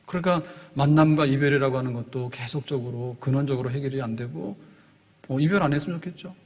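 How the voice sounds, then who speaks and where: A man's voice: mid-range voice, fast, breathy edge, big-room sound. A man preaching a sermon as pastor, explaining in short spoken phrases and rising in force on key words.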